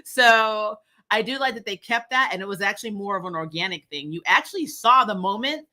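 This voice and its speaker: With a medium-pitched, animated voice and a sharp tone, this woman talks briskly. She hosts a movie review show, casually joking through a film review in a sarcastic, blunt, salty way and giggling often.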